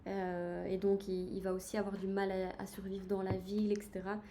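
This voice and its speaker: A woman talking on a casual book-review livestream, chatty and eager, stopping often to find her words. Her voice is mellow and warm, with a faint hiss behind it. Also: medium pitch, completely flat delivery, brisk. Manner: chatty and enthusiastic, frequent hesitations. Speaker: book streamer.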